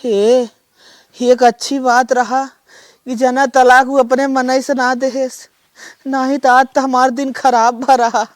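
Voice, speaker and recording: A man's voice: extremely high pitch, level tone, slow pace, dry recording. A man with an Awadhi accent, acting a broke village husband who pleads and whines in a rustic comedy sketch. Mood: pleading. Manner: pleading, whiny. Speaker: comic actor.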